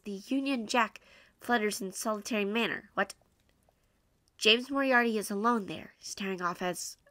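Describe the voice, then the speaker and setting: Bright-voiced woman doing a let's play. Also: fairly high pitch. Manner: informal, reactive. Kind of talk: reading game text aloud with casual commentary.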